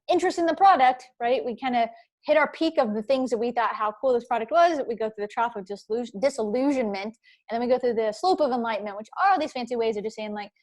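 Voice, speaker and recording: A woman teaching a university class over a video call. She talks casually and rambles, with lots of fillers and playful asides. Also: on the high side. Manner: chatty, rambling, many fillers; playful, sings snatches. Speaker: university instructor. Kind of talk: casual online lecture. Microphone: computer mic on video call.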